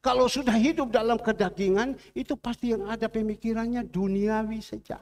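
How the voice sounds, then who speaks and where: A man's voice: high voice, steady tone, a little fast. A man preaching a sermon as pastor in a church, telling a story and acting out its dialogue. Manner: storytelling with acted-out dialogue, rising and falling emphasis.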